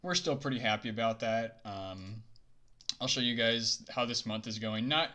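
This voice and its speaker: A man's voice: mid-range voice, moderate pace, bright, forceful tone. A young man vlogging casually about his poker bankroll, rambling with many fillers and a little out of breath after a workout. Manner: rambling, filler-heavy, laid-back. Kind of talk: casual chat to camera.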